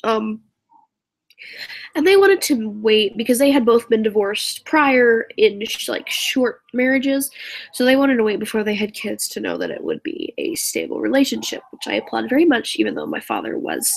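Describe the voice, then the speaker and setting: A woman's voice: a little high, very animated, moderate pace, creaky, low-quality recording. A teenage girl from Indiana chatting on a live stream, rambling and giggly with lots of fillers and asides. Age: teens. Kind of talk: casual live-stream chat.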